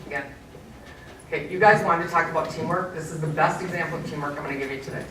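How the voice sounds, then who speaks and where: A middle-aged woman giving a storytelling speech to a live audience, animated and often asking the listeners questions. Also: low-pitched, fast, slight background noise. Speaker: keynote speaker. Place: community event hall. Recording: echoey hall, mic from far off.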